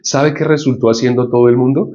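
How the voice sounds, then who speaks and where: A man's voice: medium pitch, fairly even intonation, fairly quick, warm tone. A man preaching a sermon, often asking the audience questions and repeating points for emphasis. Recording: dull lo-fi sound.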